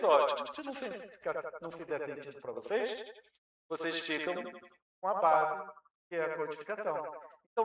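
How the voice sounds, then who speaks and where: Man, Brazilian Portuguese accent, high voice, lecturing patiently, rhetorical questions, distant mic. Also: a bit bright. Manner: explanatory, asks rhetorical questions and answers them. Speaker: Spiritist lecturer. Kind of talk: lecture to an audience. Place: lecture hall. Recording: very echoey hall, mic far off.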